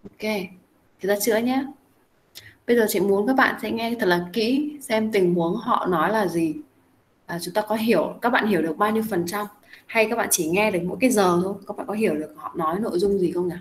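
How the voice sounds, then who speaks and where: A woman's voice: medium pitch, brisk, slight background noise, low-quality recording. A young adult woman teaching English, explaining a lesson and coaxing students with repeated questions.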